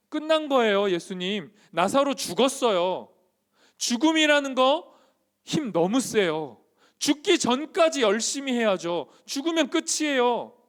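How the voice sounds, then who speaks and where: A woman's voice: medium pitch, pitched above the performer's own voice. A man preaching who voices a grieving sister pleading that death is the end. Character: grieving sister, worn-down and resigned.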